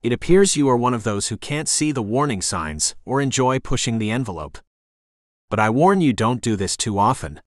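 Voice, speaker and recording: A man's voice: medium pitch, big pitch swings, moderate pace, dry recording, studio quality, natural voice. A man reading the lines of a proud, menacing male vampire in an audiobook, in a threatening manner. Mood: cold.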